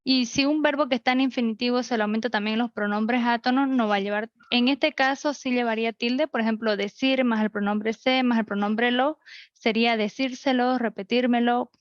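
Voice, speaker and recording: Online teacher, woman, higher voice, slightly dull lo-fi mic, methodical. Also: fairly even intonation, moderate pace, no echo. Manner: explains rules step by step with examples. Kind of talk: online class lecture. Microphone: computer mic.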